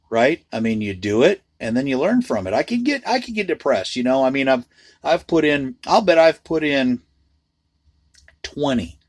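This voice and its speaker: A man's voice: on the low side, no echo. Rambling man, dry close sound. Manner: candid, rambling, self-deprecating. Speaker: freelance voice actor. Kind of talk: casual vlog chat.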